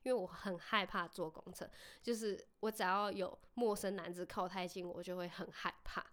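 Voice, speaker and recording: A woman's voice: fairly low pitch, steady tone, moderate pace, a bit bright. A young woman, co-hosting a casual chat and recounting a personal story in an earnest, hesitant way full of fillers. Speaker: co-host.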